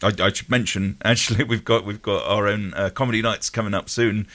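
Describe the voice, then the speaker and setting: British male comedian guest, deep-pitched, casual, halting and rambling interview delivery. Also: fairly even intonation, a bit bright. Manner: hesitant, rambling.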